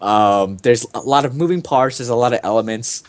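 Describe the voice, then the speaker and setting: A man's voice: mid-range voice, brisk. A young man hosting a casual podcast, talking in a rambling, enthusiastic way full of fillers. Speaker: podcast host.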